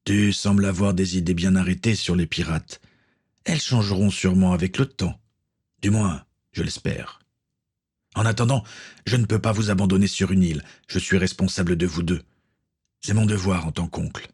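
A man's voice: low-pitched, normal speed, a little mellow, husky. A man voicing a stern middle-aged pirate captain, an uncle who speaks with firm authority.

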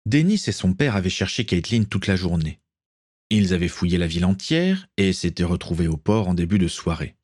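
A man's voice: low-pitched, very animated, brisk, a little mellow, no room sound, clean studio sound. A man narrating an adventure novel expressively, doing the voices of all the figures.

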